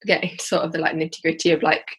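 With a deep, slightly bright and husky voice, a Yorkshire woman races through her plans in level tones. She's a social enterprise founder chatting casually as an interview guest, rambling and restarting while she thinks aloud.

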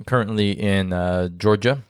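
Casual male co-host, very low voice, dry close sound, loose rambling delivery with fillers. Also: measured pace, clean tone, no echo. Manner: rambling, many fillers, laughs easily. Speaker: podcast co-host. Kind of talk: casual chat.

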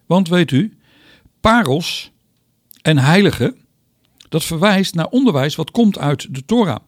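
A man's voice: mid-range voice, dry recording, studio quality. A man teaching a Bible sermon, reading scripture and speaking directly to his listeners with emphasis. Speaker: radio preacher and Bible teacher.

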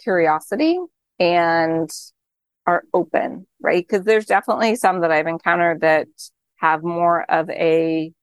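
Low-voiced woman host, dry sound. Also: steady tone, unhurried, clean tone, dry recording. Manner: enthusiastic, praising, thinks aloud. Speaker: podcast host. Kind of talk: conversational interview.

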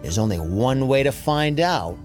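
A curious, daring young boy speaks calmly and plainly in a storybook voice, as a man puts him on. His voice sits a bit lower than the narration. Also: measured pace, soft background music.

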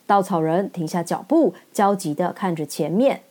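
A woman storyteller narrating a children's story in a gentle, expressive read-aloud style. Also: fairly low pitch, moderate pace.

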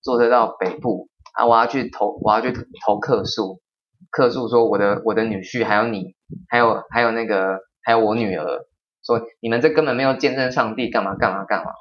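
A cranky, boastful old man, put on by a man telling a story scolds in a low, slow voice. The is thick in his lecturing. The recording is slightly dull and lo-fi. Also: lightly acted. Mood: scolding. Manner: grumbling, lecturing, slow and indignant.

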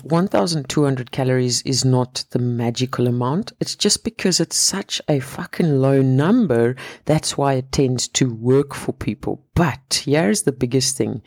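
A man's voice: mid-range voice, a little mellow, no echo, studio quality. A man hosting a solo podcast as a fat loss coach, talking in a blunt, casual, sarcastic way and swearing freely.

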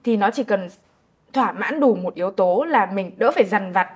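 A woman's voice: mid-range voice, animated, normal speed, breathy edge. A young woman with a northern Vietnamese accent, hosting a conversational interview. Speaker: podcast host interviewing two comedians.

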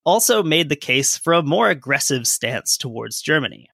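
A man co-hosts a casual history podcast, reading old newspaper quotes aloud between conversational asides. His voice is bright and a little higher than most men's. The sound is dry and close. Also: sing-song, normal speed, vocal fry, no room sound. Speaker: podcast co-host.

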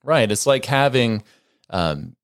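A man in his forties, co-hosting a parenting podcast in a relaxed, conversational way with joking asides. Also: mid-range voice, takes it slowly, no room sound, studio quality. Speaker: podcast co-host and co-parenting educator. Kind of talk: casual podcast chat.

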